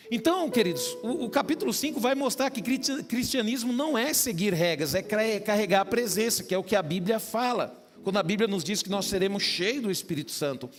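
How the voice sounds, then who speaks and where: Brazilian pastor guy preaching, high voice, music going behind him. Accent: Brazilian Portuguese. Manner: preaching with rising emphatic peaks and teasing asides to the congregation. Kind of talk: sermon. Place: church hall. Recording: roomy hall reverb with music behind.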